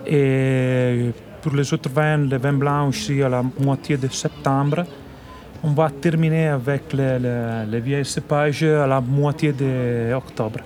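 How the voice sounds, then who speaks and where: A man's voice: medium pitch, fairly even intonation, slow pace, darkish tone. A man from Italy speaking French with an Italian accent, a winemaker answering radio interview questions and often restarting as he searches for words. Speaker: winemaker guest.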